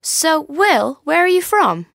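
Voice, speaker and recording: A woman's voice: high-pitched, very animated, slow, creaky, a bit bright, no echo, clean studio sound, exaggerated voice. A woman acting a chatty young woman asking someone where he is from in a scripted course dialogue. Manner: curious, chatty questions.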